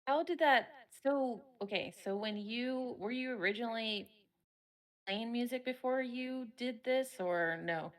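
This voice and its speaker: A woman hosting a casual interview, bubbly and gushing, with lots of ums and quick laughs. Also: fairly high pitch. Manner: bubbly, gushing, many fillers. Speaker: interview host.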